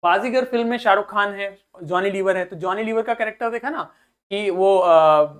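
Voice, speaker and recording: A man's voice: high voice, moderate pace. Patient man teaching vocabulary, repeating words. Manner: explains patiently, repeats each word for students to echo; switches between Hindi and English readings. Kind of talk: vocabulary lesson.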